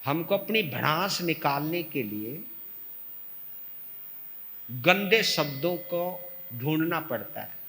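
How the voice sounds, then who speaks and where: A high, animated male monk delivering a slow, unhurried sermon. He swings from loud outbursts to soft asides as he acts out quarrels, and a long reverb hangs behind him. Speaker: Jain monk giving a discourse.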